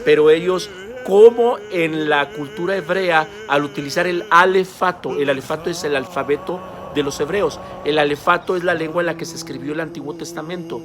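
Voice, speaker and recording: A man's voice: fairly high pitch, fairly quick, fairly bright tone. A man giving an earnest sermon-style teaching, emphatic and speaking straight to the listener. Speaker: preacher.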